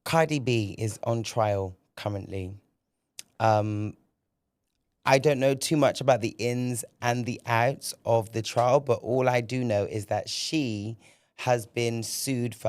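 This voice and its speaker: Man, podcast host, casual commentary, candid, swears freely, mid-pitched, dry close sound. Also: no echo. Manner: candid, animated, swears freely, repeats words when excited.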